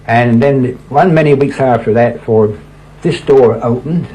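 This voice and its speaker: A man's voice: mid-range voice, a little slow, dark tone, slight background noise, rough recording. An older man, earnestly telling anecdotes as a local resident, quoting conversations as he goes. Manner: earnest, repeats "he said" and "she said" as he acts out reported talk. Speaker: local resident and court usher telling his experiences. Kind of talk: anecdotal storytelling.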